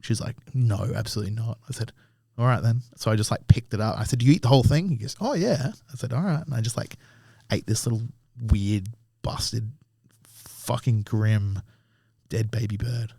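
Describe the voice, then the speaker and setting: A man's voice: on the low side, moderate pace, gravelly, mellow, slightly rough, no echo, clean studio sound. A young man, a tattoo artist guest on a podcast, telling rambling anecdotes in casual chat and swearing freely. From Australia. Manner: swears often, acts out voices in his anecdotes.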